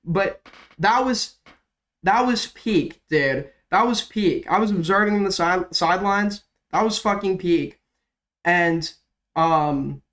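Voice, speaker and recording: With his voice cracking and coughs breaking in from a sore throat, a young man rambles through drama commentary on his stream. His pitch is slightly raised and fairly bright, and he curses freely and uses plenty of fillers, his pace moving easily from quick to slow.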